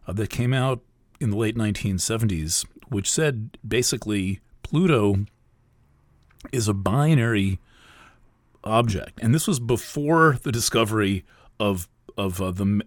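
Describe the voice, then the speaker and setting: A man giving a spoken astrology forecast in a thoughtful, hesitant way, with many pauses and fillers. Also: lowish voice, dry recording. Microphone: close voice recording.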